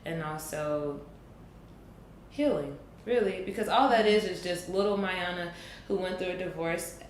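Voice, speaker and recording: A woman in her late twenties, thinking aloud in an earnest, reflective casual chat. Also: fairly low pitch. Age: 20s. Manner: earnest, thoughtful, drawn-out pauses. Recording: echoey room with faint noise.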